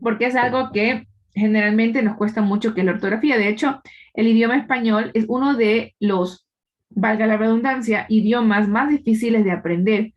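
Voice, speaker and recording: A woman's voice: a little high, normal speed, highs cut off. A woman teacher giving a live class, explaining patiently and quizzing her students, with frequent tag questions. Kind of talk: live online class lecture.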